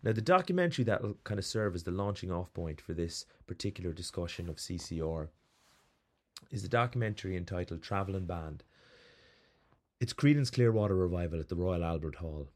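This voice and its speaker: A man hosting a podcast, telling a rambling, animated story with plenty of fillers before reading out some background. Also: low-pitched, a little fast. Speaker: podcast host. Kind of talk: casual storytelling monologue.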